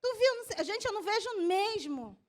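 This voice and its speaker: A woman pastor with a Brazilian Portuguese accent preaching a sermon in a conversational way, with a slightly strained voice, moving from soft asides to loud exhortation. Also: very high-pitched, lively intonation, fairly quick.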